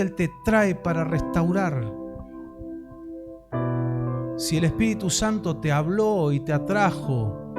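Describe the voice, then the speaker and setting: A man preaching a sermon as pastor, impassioned and rising into fervent prayer. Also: on the high side.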